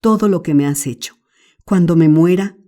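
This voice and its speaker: A woman's voice: fairly low pitch, normal speed, mellow, voice pushed up, close to an everyday voice. A woman voicing a mischievous boy who whimpers and pleads theatrically, in an audiobook. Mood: whimpering. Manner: whimpering, melodramatic. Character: mischievous boy faking illness.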